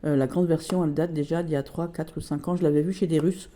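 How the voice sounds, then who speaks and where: A woman chatting casually in a show-and-tell vlog about her tarot collection, gushing over each item and filling pauses with repeated fillers. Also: deep voice, fairly even intonation, warm tone. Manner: chatty, fills pauses with repeated "voilà" and "euh". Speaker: tarot collector and video creator.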